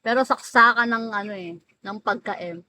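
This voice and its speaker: A woman's voice: mid-range voice, moderate pace, pushed and bright, a little hiss or hum, poor audio. A woman hosting a casual livestream, teasing viewers by name, laughing often and drawing out names. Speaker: livestream host. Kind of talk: casual live-stream chat greeting viewers.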